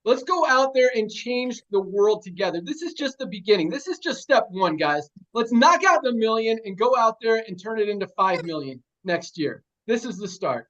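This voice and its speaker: High-voiced hype man on dull audio. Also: big pitch swings, moderate pace, few pauses, a bit bright. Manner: hyped, chanting rallying cries. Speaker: host of a company sales call. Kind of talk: motivational rally speech.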